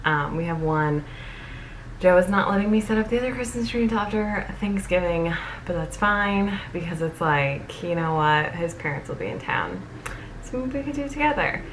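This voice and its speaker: A woman's voice: on the low side, expressive, moderate pace, a little hiss or hum. A young woman chatting playfully and rambling through a coffee tutorial, joking about herself as she goes. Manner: playful, rambling and self-deprecating. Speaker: vlogger. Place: bedroom at a desk.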